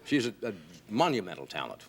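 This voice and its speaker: A man's voice: lowish voice, fast talker. A man hosting a late-night talk show, chatting in a dry, teasing manner before a studio audience. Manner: dry, wry and teasing with lively intonation. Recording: noisy old TV broadcast with clicks.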